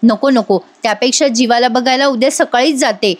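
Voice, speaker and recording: A woman voicing an irritable young wife from a TV serial, reading her lines in a nearly plain, high voice. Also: a little fast, lightly acted. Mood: worried. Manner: scolding, then worried self-talk. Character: young wife, curt and annoyed, then anxious.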